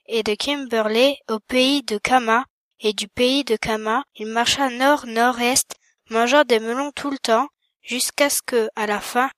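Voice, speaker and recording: Woman storyteller, measured expressive reading, fairly high voice, dry close sound. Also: dry recording. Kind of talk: reading a children's tale aloud.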